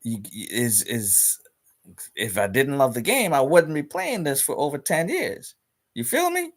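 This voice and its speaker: A man's voice: mid-range voice, animated, a little slow, husky. A man streaming live in a casual, rambling rant about a mobile game, repeating himself and restarting his sentences, with hiccups. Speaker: gaming streamer.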